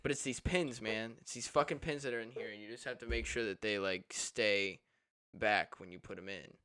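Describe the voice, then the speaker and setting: Young dude hosting a chill podcast, swears a lot, just talking with friends. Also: male voice, on the low side, moderate pace, sharp tone. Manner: swears freely, laid-back. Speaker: podcast host. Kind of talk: casual chat.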